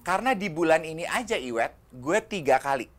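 A man's voice: fairly high pitch, fairly quick, slight background noise. Storytelling man on a chatty podcast. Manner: animated storyteller who acts out the other people in his stories. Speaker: podcast co-host. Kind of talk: casual chat.

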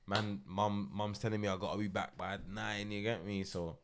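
A man's voice: lowish voice, steady tone, moderate pace, a little hiss or hum. A man with a London roadman accent chatting casually in street slang in a group podcast. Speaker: podcast speaker.

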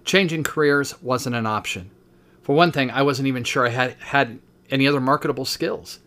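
A man's voice: medium pitch, brisk, bright, forceful tone. Man, 50s, teacher and podcast host, reading his own book aloud with brief asides, mid-range voice.

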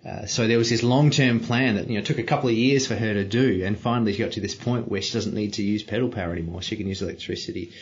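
A man, a podcast guest, telling stories and reflecting thoughtfully, often pausing to search for words. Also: fairly low pitch, lo-fi sound. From Australia. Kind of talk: reflective storytelling.

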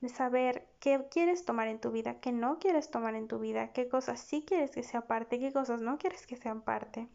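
Young woman, podcast host, encouraging, slightly high voice, dull lo-fi recording. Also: normal speed, vocal fry, hardly any pauses, a little mellow. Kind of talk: casual self-help podcast monologue.

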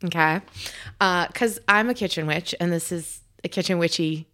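A woman's voice: lowish voice, normal speed, bright, forceful tone. A woman hosting a podcast from her home kitchen, telling stories in a chatty way full of fillers and restarts. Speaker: podcast host. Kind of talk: casual chat.

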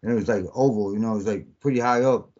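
A man calling in to a podcast, talking in a halting, rambling way with many fillers, over a phone line that keeps cutting out. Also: lowish voice, a little mellow. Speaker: podcast guest on a phone call. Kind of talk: casual rambling account.

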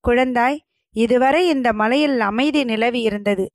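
A woman voicing a frail old male hermit who speaks in a soft, feeble, dreamy voice in a told story. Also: a little high, a little slow, no echo, studio quality, natural voice. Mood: solemn.

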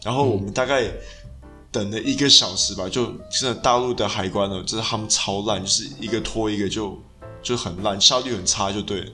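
A man's voice: fairly low pitch, fairly even intonation, brisk, pushed and bright, faint music behind. A man, hosting a casual podcast chat, often restarting his sentences and slipping into English phrases. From Taiwan. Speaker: podcast host.

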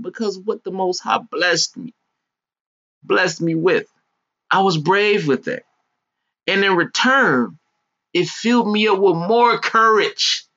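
A man's voice: high-pitched, sharp tone, highs cut off. An American man giving an informal sermon in colloquial, streetwise speech, emphatic and repeating phrases for effect. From United States. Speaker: preacher. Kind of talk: informal sermon with scripture reading.

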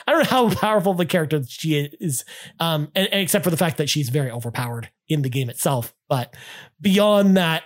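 A man co-hosting a casual gaming podcast, reading out listener comments with lots of enthusiastic restarts. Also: on the high side. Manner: enthusiastic, many restarts and "I mean". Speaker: podcast co-host.

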